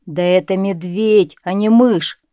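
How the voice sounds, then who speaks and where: A woman voicing an old father in a storybook tale, speaking calmly and plainly while gently scolding his son. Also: medium pitch, takes it slowly, dry recording, clean studio sound, lightly acted. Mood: patient. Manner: calm, plain, gently chiding.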